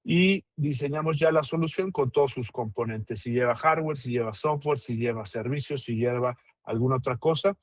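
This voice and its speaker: A man, an IT consultant presenting his firm in a webinar, halting with many fillers. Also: medium pitch, dry recording.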